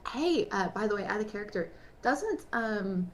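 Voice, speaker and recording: A woman player chatting casually out of character during a tabletop game. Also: medium pitch. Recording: faint background noise, room ambience.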